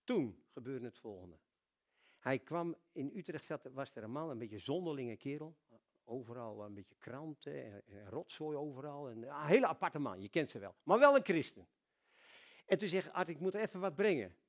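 A man preaching a sermon, telling stories with sudden swings in loudness and frequent repetitions. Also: medium pitch, big pitch swings, normal speed.

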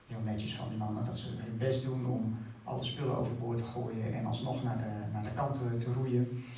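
A man's voice: mid-range voice, mellow. A man giving a conversational sermon, retelling and reading scripture aloud. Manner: conversational, with fillers and restarts, reads passages aloud. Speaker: preacher. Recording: very echoey hall, voice far off, faint room hum.

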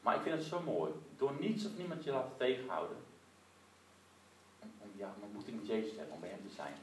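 Speaking fast in a fairly low voice, a man preaches a lively sermon, telling his story with frequent rhetorical asides and praying for listeners at home. He's recorded from some distance in a roomy, echoing space with faint background noise.

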